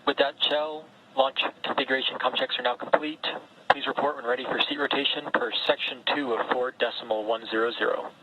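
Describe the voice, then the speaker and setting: A man's voice: mid-range voice, fairly even intonation, brisk, hardly any pauses, highs cut off. Mission control man on noisy radio. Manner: formal, clipped radio phrasing. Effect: radio transmission. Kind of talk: astronaut radio communication, procedural callouts.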